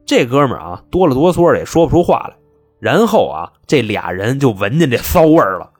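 A man's voice: mid-range voice, big pitch swings, fairly quick, a little mellow, husky, soft background music. A man telling a comic crime story as host, chatty, wry and colloquial.

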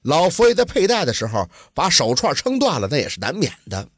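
A man storyteller voicing a calm, wise master jade carver who speaks low and softly. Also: slightly rough, no room sound, clean studio sound, full character voice. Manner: low, unhurried and soft.

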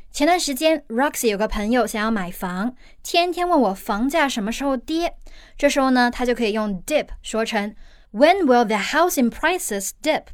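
A woman's voice: a little high, no echo, studio quality. A woman teacher explaining an English news article in steps, with everyday examples.

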